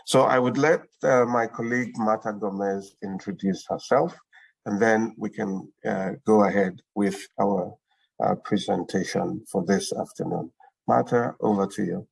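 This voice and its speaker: A man from Cameroon presents on a video call. His low, gravelly voice moves at an unhurried pace, with a husky edge and many hesitant fillers. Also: fairly even intonation, poor audio. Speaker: presenter, UN agency deputy director. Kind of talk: webinar presentation.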